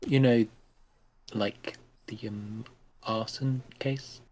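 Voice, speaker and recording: A man playing a tabletop role-playing game, improvising dialogue in a halting, hesitant way. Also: lowish voice, steady tone, heavy background noise.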